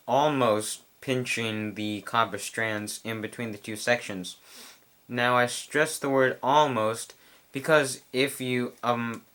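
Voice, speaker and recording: A man casually explaining how to set up a model train address changer, chewing gum as he talks in a quiet room. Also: medium pitch, clean tone. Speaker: model train hobbyist reviewer. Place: quiet room at home with model track on a table.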